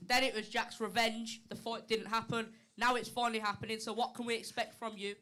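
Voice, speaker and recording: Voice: mid-range voice, flat delivery, fairly quick, bright, forceful tone. A host putting questions to boxers at a live press conference, with noise behind the voice. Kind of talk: live event hosting, interview questions. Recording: clear background noise at live event.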